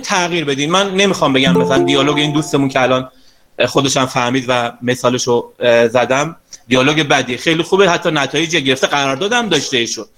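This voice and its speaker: A man with a slightly high voice runs an online class as a sales trainer. He speaks straight to his students in a chatty, coaxing way and teases them now and then. He is heard over a video call. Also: fairly bright tone.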